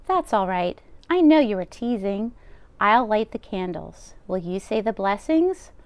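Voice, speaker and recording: A woman of medium pitch uses a sing-song, slightly slow delivery to portray a sweet, hard-of-hearing grandmother aged ninety-seven in a storybook reading. Chatty and cheerful, she fusses like an attentive hostess, and the recording has no room sound.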